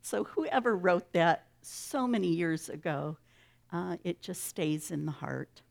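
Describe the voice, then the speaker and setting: A woman speaks slowly and gently from the pulpit, her voice sitting a little low. She reads a tender story, hushing her voice for the quiet lines, then moves into a heartfelt personal talk. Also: gravelly. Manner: slow, gentle storytelling with soft, hushed dialogue. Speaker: guest speaker at a church service.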